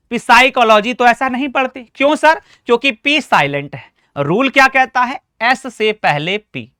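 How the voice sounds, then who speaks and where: A man teaching a spoken class, quizzing the class, answering his own questions and spelling words out slowly letter by letter. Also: high voice, pushed and bright, clean tone, no echo, clean studio sound. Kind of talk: classroom lesson.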